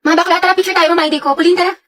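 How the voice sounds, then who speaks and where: A woman acting in a playful comedic school skit, teasing and lively. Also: very high-pitched, racing. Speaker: skit performer.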